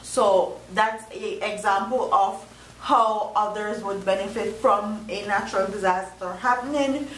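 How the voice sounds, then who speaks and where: A woman's voice: on the high side, fairly bright tone. Echoey Jamaican woman vlogging in a bathroom. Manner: earnest, questioning, speaks to viewers directly. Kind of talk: casual vlog commentary. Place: bathroom while travelling. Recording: echoey bathroom, mic at a distance, faint background noise.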